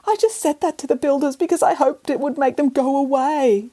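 A woman voicing a stubborn, whiny female tabby cat in a storybook, high and wailing. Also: brisk, warm tone, lightly acted. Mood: plaintive.

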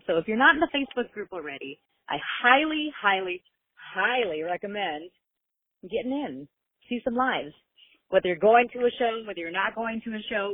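Woman caller leaving a voicemail, chatty and animated, heard through a tinny phone line. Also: medium pitch, husky, no echo. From Long Beach, California. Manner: chatty and upbeat, inviting listeners. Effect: leaving a voicemail over the phone. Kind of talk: casual voicemail message.

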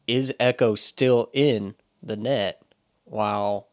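A man's voice: on the low side, steady tone. A man playing a tabletop game who jokes around and asks questions. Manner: joking and quick to laugh. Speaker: player. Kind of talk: casual tabletop game chat.

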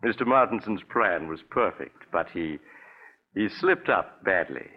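An actor with an American accent playing a shrewd, accusing doctor-investigator in a 1940s radio drama, deliberate and pointed. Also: male voice, low voice, animated, slightly rough, full character voice. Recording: muffled old radio recording.

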